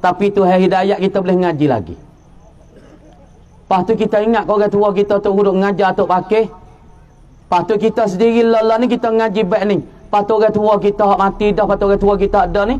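A man's voice: high-pitched, steady tone, fairly quick, darkish tone, lo-fi sound. A middle-aged male religious teacher, giving an Islamic sermon in a repetitive, emphatic preaching cadence.

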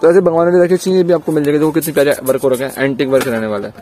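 A young man talks fast and eagerly, in a fairly high, dark and mellow voice, as he shows goods to his viewers on a handheld phone. He praises each item over and over, and the sound is close and informal. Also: fairly even intonation. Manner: eager, repeats praise, addresses viewers as friends. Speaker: YouTube business vlogger. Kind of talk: enthusiastic product showcase vlog. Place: crowded wholesale shop.

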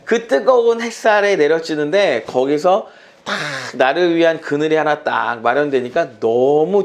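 A middle-aged male youth pastor preaching a sermon to teenagers in a chatty, storytelling way with playful asides. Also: on the high side. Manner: animated storyteller, acts out quotes, chatty with asides.

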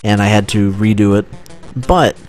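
Young man, let's play commentary, low voice, excitable, faint game music. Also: moderate pace. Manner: chatty, excitable, self-correcting restarts. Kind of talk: casual gameplay commentary.

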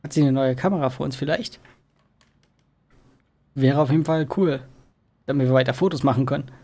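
Man, casual Let's Play commentator, middle pitch, easygoing, thinking aloud, headset mic. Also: fairly quick, dark tone.

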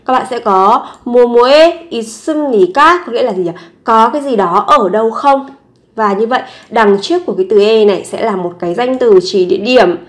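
A woman's voice: a little high, fast talker. A woman teaching a language lesson, explaining step by step and repeating each example sentence several times.

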